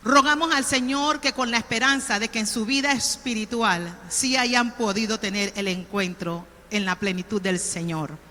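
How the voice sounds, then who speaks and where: A woman's voice: fairly high pitch, moderate pace, few pauses, sharp tone. A woman pastor from Colón, Panama, with a Panamanian accent, preaching a sermon in a conversational way and often checking in with the congregation. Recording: reverberant church hall.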